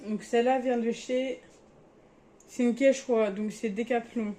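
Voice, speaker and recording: A woman's voice: on the high side, fairly even intonation, a little slow, dark tone. A young woman casually showing her clothes in a vlog, chatty and sometimes hesitant as she searches for words. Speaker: vlogger.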